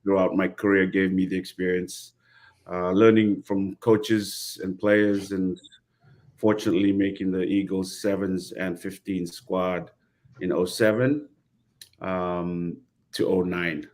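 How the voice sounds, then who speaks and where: A middle-aged man, a rugby coach speaking as a guest in a casual interview, measured and pausing as he talks over a video call. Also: low voice, level tone, a little mellow. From Fiji.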